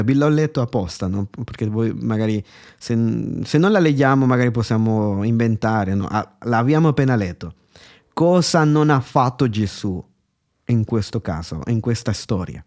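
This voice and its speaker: A man's voice: mid-range voice, darkish tone. Italian-speaking male preacher, fervent sermon. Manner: expounds scripture passionately, asks rhetorical questions; addresses listeners directly, reads verses aloud.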